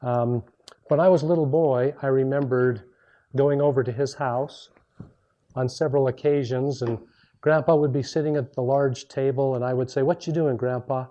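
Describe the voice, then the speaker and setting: Very mellow, dark-voiced man reciting cowboy poetry. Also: mid-range voice, steady tone. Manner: unhurried storytelling with rhymed, measured recitation. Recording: dull, muffled lo-fi sound.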